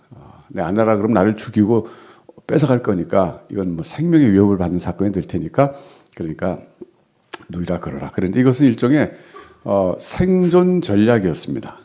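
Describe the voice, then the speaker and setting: A man's voice: deep voice, mellow. A middle-aged male pastor preaching a sermon in a conversational way, acting out quoted lines with rising emphasis.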